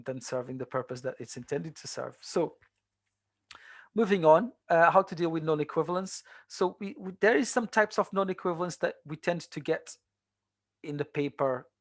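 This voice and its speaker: A man's voice: on the high side, moderate pace, no room sound, studio quality. A man tutoring translation students in a seminar, talking in a conversational way with many fillers and restarts. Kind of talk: online seminar lecture.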